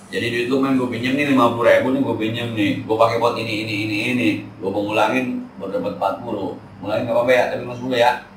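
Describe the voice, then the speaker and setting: A man's voice: mid-range voice, steady tone, fast, slight background noise. A man, giving a chatty, joking religious study talk in a mosque. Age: 40s. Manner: chatty, jokey, slangy Jakarta talk. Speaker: Islamic teacher. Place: mosque hall. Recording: echoey hall from far off.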